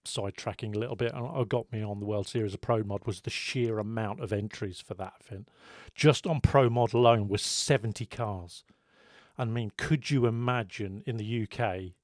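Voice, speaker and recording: A man's voice: medium pitch, darkish tone, no room sound, clean studio sound. A man with a British accent hosting a podcast in casual, conversational chat. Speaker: podcast host.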